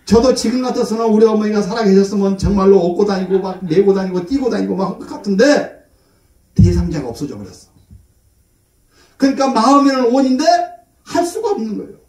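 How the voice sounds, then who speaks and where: Middle-aged male pastor, folksy storyteller, high lively voice, far off in an echoey hall. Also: fairly quick. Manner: folksy storytelling, acts out his mother's voice. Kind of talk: sermon. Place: church.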